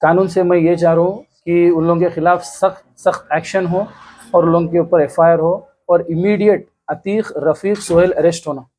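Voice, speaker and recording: A man in his thirties with a Hyderabadi accent, giving an earnest, halting news interview. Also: high-pitched, steady tone, mellow. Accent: Hyderabadi Hindi. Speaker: interviewee, complainant. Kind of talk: news interview, recounting an attack.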